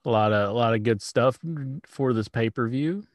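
A man's voice: mid-range voice, normal speed, no echo, clean studio sound. A man chatting casually as a podcast co-host, cutting in with a wry manner. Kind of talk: casual chat.

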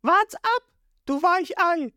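Young woman thief, as a female reader puts her on, scornful, curt, high voice, dry close sound. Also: animated, takes it slowly, sharp tone, no echo, full character voice.

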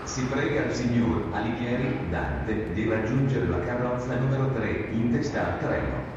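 A man giving a formal train station loudspeaker announcement in a measured announcing manner. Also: lively intonation. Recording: echoey station hall, distant, lo-fi, rumble.

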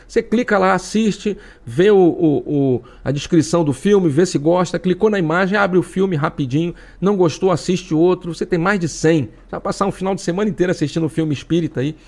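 A man's voice: sits high, a little mellow. A man with a Brazilian accent hosting a talk show, chatty and joking as he speaks to listeners. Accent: Brazilian Portuguese. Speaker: radio and web show host. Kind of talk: casual talk show monologue.

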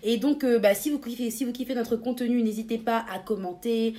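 A young woman co-hosting a casual podcast, bubbly, laughing often and filling pauses with hesitations. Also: a little high, dark tone. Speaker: podcast co-host.

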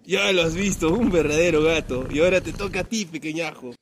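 Man doing a high-voiced bossy cat who mocks everyone, faint hiss behind, kids' story. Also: fairly quick, close to an everyday voice. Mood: mocking. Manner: mocking, bossy. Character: cocky teasing cat. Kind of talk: children's story acting.

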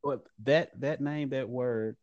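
A man giving measured, earnest interview answers in fairly formal wording as a magazine editor. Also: medium pitch, steady tone, a little mellow, highs cut off.

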